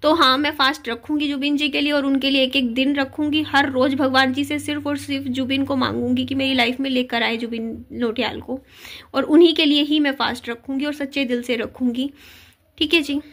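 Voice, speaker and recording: A woman's voice: sits high, flat delivery, brisk, a bit bright. A woman vlogging a heartfelt personal confession to her viewers, talking earnestly with frequent fillers and restarts, her throat a little sore. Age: adult (widowed). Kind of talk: personal video message to viewers.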